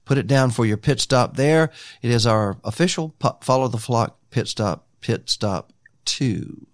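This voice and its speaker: A man's voice: mid-range voice, lively intonation, a little slow, no room sound, clean studio sound. A man hosting a radio countdown show, chatting in a rambling, folksy announcer way. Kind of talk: casual radio chat.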